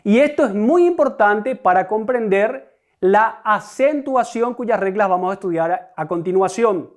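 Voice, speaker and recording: Una voz docente de altura media que dicta una clase de lengua grabada, pausada y explicativa. Se dirige a sus alumnos a cada rato para que se fijen en los ejemplos, y repite cada concepto importante con paciencia. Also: mid-range voice, lively intonation. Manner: deliberate, explanatory, repeats key concepts; addresses students directly. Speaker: teacher. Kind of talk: recorded online grammar lesson.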